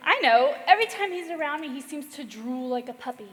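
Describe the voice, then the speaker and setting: A woman plays a dreamy, wilful young lady in a comic radio play. Her voice is very high and carries a long reverb. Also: animated, fast talker, fairly bright tone. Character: romantic, headstrong young lady.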